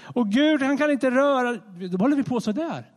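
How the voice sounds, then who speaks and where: A man preaching a sermon in a conversational, animated way, often restarting his sentences. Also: extremely high pitch. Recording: long reverb of a large hall.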